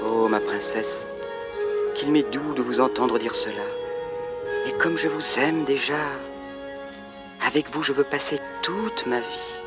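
A man acting out a noble young prince on a storybook record, his voice slightly raised in pitch. He speaks in a courtly, declamatory way over background music. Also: very animated, normal speed. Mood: tender. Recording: music playing behind.

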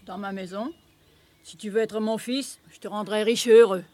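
A man's voice: sits high, fairly even intonation, moderate pace, a little mellow, no echo, natural voice. A man playing a shrewd, secretive old beggar woman in a radio drama, blunt and coaxing.

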